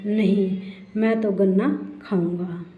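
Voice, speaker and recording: A woman's voice: mid-range voice, fairly even intonation, takes it slowly, close to an everyday voice. A woman voicing a witty, playful courtier in a sly, teasing storybook reading. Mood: whiny. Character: witty clever courtier, grown man, playful. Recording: roomy, dull lo-fi recording.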